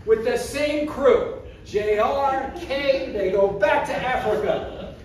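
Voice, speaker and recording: Guy telling a wild story on stage, high voice, unhurried, big echoey hall, far from the mic. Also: a little hiss or hum. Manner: animated, acts out scenes with gestures. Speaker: public speaker. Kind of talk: storytelling speech. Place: community hall, indoors, large room. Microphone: far camera, no mic.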